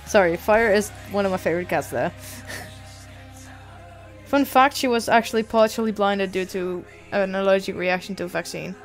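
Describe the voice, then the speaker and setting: A woman's voice: mid-range voice, moderate pace, soft background music. A young adult woman streamer chatting casually, rambling and self-deprecating, swearing now and then.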